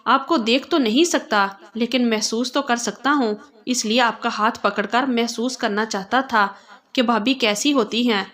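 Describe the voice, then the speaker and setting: Woman voicing gentle blind young man, earnest and affectionate, fairly high storytelling voice. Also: close to an everyday voice. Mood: wistful.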